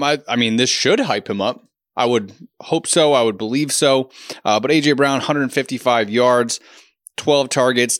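A man co-hosting a football podcast with a relaxed, measured delivery. He often restarts his sentences as he talks. His mid-pitched voice sounds dry and close, with no room echo. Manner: laid-back, measured, with frequent restarts. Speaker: podcast co-host. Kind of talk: casual sports podcast chat.

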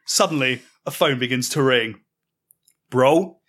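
A man telling a mocking comic story in the second person, with deadpan delivery. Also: on the high side, fast. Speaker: podcast storyteller.

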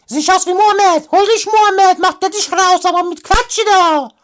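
A woman's voice: extremely high pitch, normal speed, pitched above the performer's own voice. A woman voicing a rude, quarrelsome teenage girl who talks in brash street slang in a comic fairy tale parody. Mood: mouthy.

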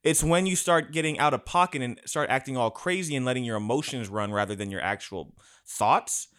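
Man, mid-pitched voice, casual chat, blunt, swears a lot, gets worked up. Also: brisk. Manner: blunt, heavy swearing, animated rants.

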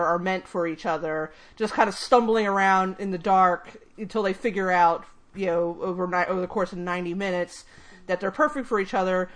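A woman co-hosting a casual podcast chat, rambling through her points with many restarts. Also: mid-range voice. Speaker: podcast co-host.

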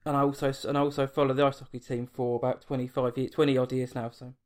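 A man's voice: mid-range voice, little pitch movement, fast. A man with an English accent, hosting a film podcast and chatting casually with a guest over an online call. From England. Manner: chatty, self-deprecating, with restarts. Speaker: podcast host. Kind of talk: casual interview chat. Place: home, late at night.

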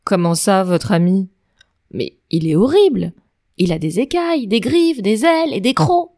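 A woman's voice: mid-range voice, expressive, normal speed, a little mellow, close to an everyday voice. A woman voicing a pompous young male knight who protests emphatically and stammers when thrown. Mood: flustered insistent.

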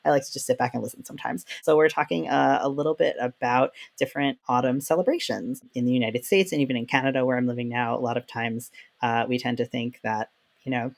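Fast-talking gravelly podcast host. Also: male voice, mid-range voice, fairly even intonation. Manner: chatty, with many fillers. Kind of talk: casual podcast chat.

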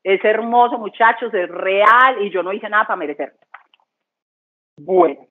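A woman's voice: mid-range voice, moderate pace. Earnest woman testifying over a tinny line. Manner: earnest, conversational, repeats phrases for emphasis. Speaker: church speaker giving testimony. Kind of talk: testimony talk. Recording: tinny phone-line sound.

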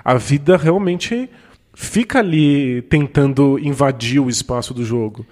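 A man's voice: mid-range voice, unhurried, a little mellow. A man with a Brazilian accent co-hosting a podcast, explaining ideas thoughtfully with frequent restarts. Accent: Brazilian Portuguese. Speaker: podcast co-host. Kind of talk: casual discussion. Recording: long reverb.

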